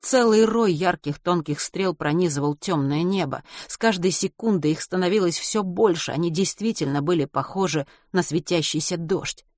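Low-voiced woman reading a story. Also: normal speed, few pauses, a little mellow, no room sound, studio quality. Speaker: narrator. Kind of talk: audiobook narration.

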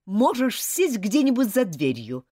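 Woman doing a shrill, strict teacher for a storybook, loud and sharp, with big pitch swings, dry close sound. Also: wildly swooping pitch, moderate pace, no echo. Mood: scolding. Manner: sharp scolding, loud and cutting. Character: strict, quick-tempered female French schoolteacher. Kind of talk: audiobook character voice.

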